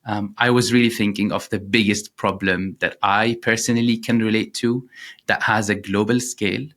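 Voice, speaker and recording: A man's voice: on the low side, steady tone, normal speed, a bit bright. A man in his thirties from Syria, a startup founder talking in an interview, earnest and reflective with frequent fillers. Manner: earnest, reflective, many "you know" fillers. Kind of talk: interview conversation.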